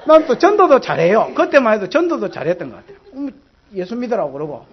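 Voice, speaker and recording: A man's voice: sits high, big pitch swings, fast talker, dull audio, a little hiss or hum. A middle-aged man with a Gyeongsang Korean accent, preaching a sermon and telling earthy personal stories with acted-out quotes. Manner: earthy storytelling, dialect, acts out quotes loudly. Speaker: pastor.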